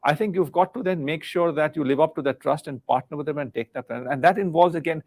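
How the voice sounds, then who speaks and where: In a live interview, an Indian man in middle age who once led businesses discusses leadership earnestly, frequently repeating himself as he gropes for words. He talks quickly in a high-sided voice with a darkish tone.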